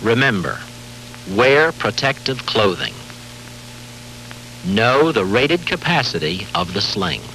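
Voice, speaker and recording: A man's voice: mid-range voice, big pitch swings, bright, forceful tone, poor audio. Man narrating over worn, hissy tape. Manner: measured, formal, authoritative delivery. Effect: worn VHS tape copy with faint hiss and hum. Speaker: narrator of a safety training film. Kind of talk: scripted instructional narration.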